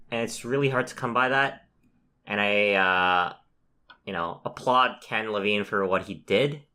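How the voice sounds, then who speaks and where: Podcast co-host, male, lowish nasal voice, laid-back, hesitant with lots of fillers. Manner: relaxed, hesitant with many fillers. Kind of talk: casual podcast chat.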